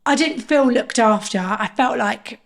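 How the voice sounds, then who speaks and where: Woman in her 30s, emotional and halting, guest on a chat podcast. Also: fairly high pitch, gravelly. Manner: earnest, emotional, halting with restarts. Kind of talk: personal storytelling in conversation.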